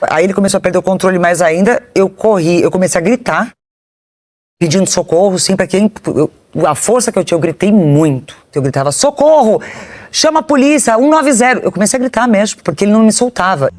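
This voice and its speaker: A woman giving an emotional first-person account in an interview, halting and restarting her sentences as she recounts events. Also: lowish voice, darkish tone.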